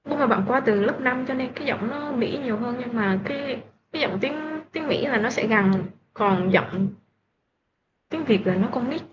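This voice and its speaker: A woman's voice: a little high, normal speed. Woman, polite and teasing. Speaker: guest. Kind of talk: casual chat. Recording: dull lo-fi sound with faint noise.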